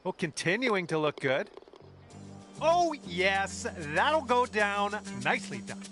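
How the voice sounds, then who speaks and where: A man's voice: mid-range voice, lively intonation, measured pace, music in the background. A man playing an encouraging TV golf commentator, giving casual play-by-play as in a golf video game. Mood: upbeat, encouraging.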